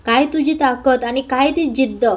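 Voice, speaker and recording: A woman's voice: sits high, moderate pace. A woman voicing a scheming older male villain in a serial recap, with a taunting, menacing manner. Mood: gloating.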